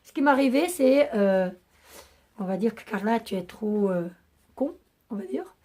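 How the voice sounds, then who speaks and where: Brief: woman vlogger, raspy and a bit hoarse, slightly high voice, rambling casual chat. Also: very animated, normal speed, darkish tone. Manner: rambling and chatty, many hesitations. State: losing her voice. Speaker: beauty vlogger.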